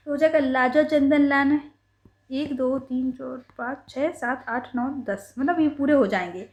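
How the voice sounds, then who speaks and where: High-voiced woman teaching with playful mnemonics. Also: unhurried, a little mellow. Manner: playful storytelling with repetition and self-corrections. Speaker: ayurveda teacher. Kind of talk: mnemonic lesson explanation.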